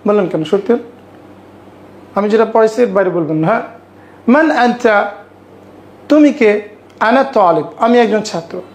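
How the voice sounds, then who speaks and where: A woman teaching an Arabic language lesson, saying phrases slowly, repeating them and often checking with her students. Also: medium pitch, animated, darkish tone.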